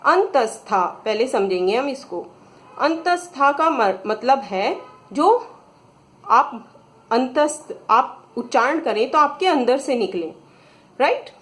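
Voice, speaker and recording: A woman's voice: high-pitched, very animated, slow, fairly bright tone. A woman teacher, patiently reading out exercise questions to children and explaining each answer. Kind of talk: slow explanatory lesson.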